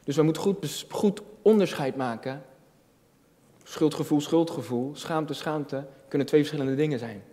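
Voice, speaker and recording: A slightly high, mellow male voice at normal speed belongs to a junior pastor in his early thirties. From a lectern on an indoor church stage, captured at a distance, he gives an earnest, reflective sermon with repeated phrases and rhetorical questions. Long reverb fills the hall.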